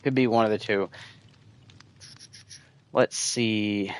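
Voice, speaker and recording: A man with a fairly low voice gives rambling, casual commentary while he plays a game on stream. He chats loosely with viewers, calling them guys, and the sound is dry and close with no room echo. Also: steady tone, takes it slowly, smooth. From United States. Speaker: gaming streamer.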